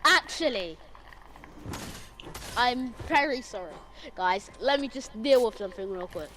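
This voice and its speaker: A high-voiced woman tells a story over a noisy home microphone with clicks in the background. She is excitable and keeps cutting in to carry the tale on herself. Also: a little slow. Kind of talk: casual storytelling on a stream.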